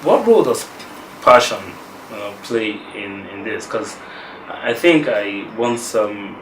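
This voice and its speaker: Host guy, lowish voice, keeps saying wow, roomy sound. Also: expressive, takes it slowly, a bit bright, slight background noise. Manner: enthusiastic, frequent "wow" and "yeah". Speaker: interviewer host. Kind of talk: show host interviewing. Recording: echoey room with faint background.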